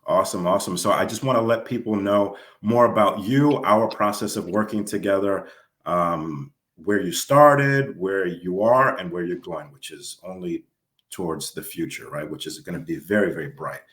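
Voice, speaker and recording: Low-voiced upbeat male host in a roomy space. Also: moderate pace, fairly bright tone. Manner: upbeat, repeats words for emphasis. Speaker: host and filmmaker. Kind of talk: casual interview.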